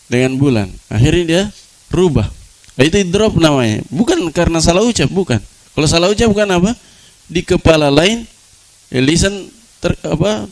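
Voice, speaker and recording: A man teaching Arabic grammar to a class, often asking rhetorical questions, answering them himself and repeating key words. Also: low-quality recording. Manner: repeats key words, drops to a low voice for examples. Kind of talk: classroom lecture.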